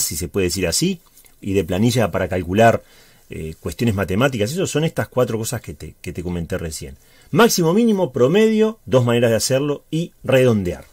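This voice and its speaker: A man with a Uruguayan Spanish accent, a high school teacher giving a chatty spreadsheet tutorial, explaining step by step and checking in with the viewer often. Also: a little mellow, slightly rough, dry recording.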